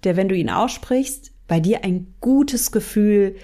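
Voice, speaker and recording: A woman coaches mindful eating in a gentle podcast monologue, turning to the listener again and again. Her voice sits in a middle pitch, and she now and then acts out tempted inner voices with sighs. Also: lively intonation, unhurried. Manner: gentle, speaks directly to the listener.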